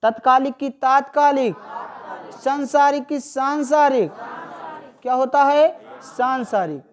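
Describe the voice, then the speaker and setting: A woman teacher taking a classroom spelling lesson, saying each word slowly and over again and putting questions to her students. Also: sits high, fairly even intonation, some chatter behind. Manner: drills words by slow repetition, asks the class questions.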